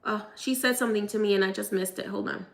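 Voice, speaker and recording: A woman's voice: mid-range voice, fairly even intonation, fast talker, gravelly. A young woman working as a psychic medium, casually relaying messages from the dead with frequent laughter. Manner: laughing, relaying spirit messages in quoted voices. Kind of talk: live mediumship reading, casual.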